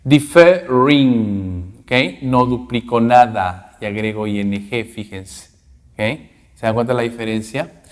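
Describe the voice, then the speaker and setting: A man gives a grammar lesson in at an ordinary middle pitch. He breaks each rule into small steps and keeps asking his students if they follow. His voice carries a long reverb, as if recorded in a large hall. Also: fairly even intonation, unhurried. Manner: explains step by step with frequent "¿ok?" and "¿no?" checks. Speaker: English teacher.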